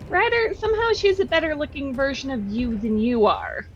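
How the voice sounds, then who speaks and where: A woman's voice: sits high, big pitch swings, moderate pace. A woman playing a tabletop game, making dry, wry remarks in character. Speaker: player. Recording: dull lo-fi recording.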